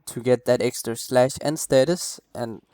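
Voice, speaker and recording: A man's voice: mid-range voice, unhurried, mellow, no echo. A man talking casually through a game build walkthrough late at night, rambling and apologetic, with a cough, recorded close on a desk mic. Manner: apologetic, rambling, many restarts. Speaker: gameplay guide creator.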